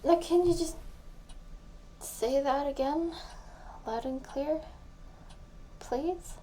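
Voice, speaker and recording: A woman with a high voice gives an intimate audio roleplay as a tipsy, lovesick young woman confessing to her best friend, nervous but hopeful. She speaks softly and breathily, stopping and starting, often almost whispering. The recording is rough, with faint background noise.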